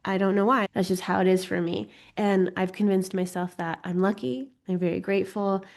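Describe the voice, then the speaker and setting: Still recovering from a cold, this astrology course host sounds slightly congested, with a creaky, somewhat mellow medium-pitched voice that's steady and fairly quick. She teaches her informal online class playfully, giggling and making self-deprecating jokes.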